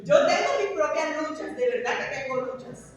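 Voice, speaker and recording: A woman's voice: high voice, normal speed. A woman pastor preaching a sermon, fervent and emphatic, with chatty asides to her congregation. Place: church hall. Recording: echoey church hall, mic far off.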